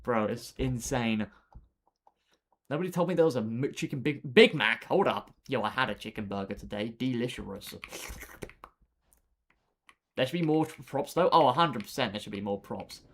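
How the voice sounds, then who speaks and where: A man's voice: mid-range voice, lively intonation, normal speed, pauses often. A young man chatting casually with viewers while he plays a building game on a live stream, with lots of fillers and laughs. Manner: laid-back, chatty, laughs often, trails off with fillers. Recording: faint keyboard clicks behind.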